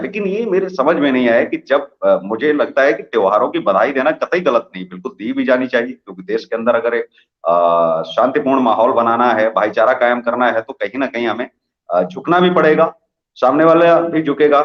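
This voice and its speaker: Brief: male news interviewer, mid-pitched, pushes rhetorical questions, roomy dull broadcast sound. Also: expressive, moderate pace. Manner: argumentative, long rhetorical questions. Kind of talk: opinionated live TV interview.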